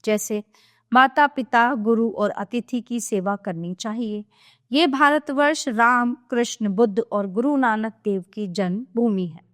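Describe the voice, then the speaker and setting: A woman teacher giving a scripted grammar lesson to children, explaining clearly and steadily. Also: a little high, unhurried.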